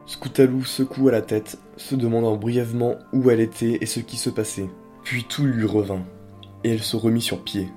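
Guy reading a dark fanfic out loud, warm low voice, quiet music bed. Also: fairly even intonation, normal speed. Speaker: narrator. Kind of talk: dramatic reading of a story.

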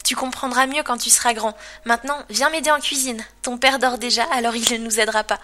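A kind mother mare from a storybook, friendly and generous, as a woman puts her on. Her voice is fairly high and bright. She speaks in a motherly way. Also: fairly even intonation, fairly quick.

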